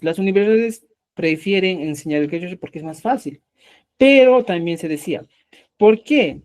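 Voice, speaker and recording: A man's voice: sits high, a little mellow. A man teaching a live online language class, explaining step by step and often checking in with his students. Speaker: Quechua teacher.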